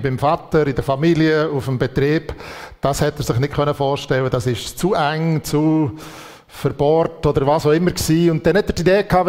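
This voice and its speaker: Man, preacher, reflective with fillers, fairly high voice, long hall reverb. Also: a little mellow. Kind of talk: sermon.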